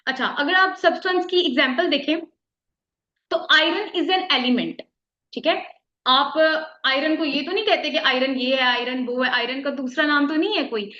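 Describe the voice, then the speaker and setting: A woman with a Pakistani Urdu accent gives a chemistry lecture, explaining patiently, mixing in English terms, and often checking "theek hai?" to see if students follow. Her voice is high-pitched, bright and forceful at a moderate pace, captured in an echoey, slightly dull classroom recording.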